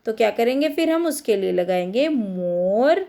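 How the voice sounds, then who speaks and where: A woman with a high, light voice explains grammar to schoolchildren. She spells words out letter by letter and keeps checking in with short rhetorical questions. Her delivery is patient and drilling, the way a classroom lesson runs. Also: expressive, measured pace, gravelly, dark tone. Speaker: teacher.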